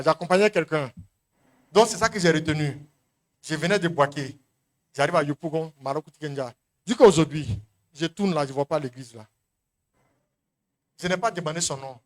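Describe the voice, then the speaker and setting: A middle-aged man from Côte d'Ivoire with an Ivorian French accent, preaching a sermon as a pastor and telling a story, acting out voices and swinging between loud calls and murmured asides. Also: on the high side.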